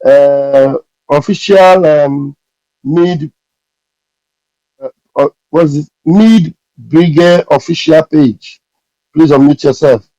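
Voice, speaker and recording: A man's voice: fairly high pitch, takes it slowly, pauses often, dark tone, dry recording, muffled recording. Man moderating callers, dry close sound. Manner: patient, directive. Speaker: host. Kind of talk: moderating an online audio room.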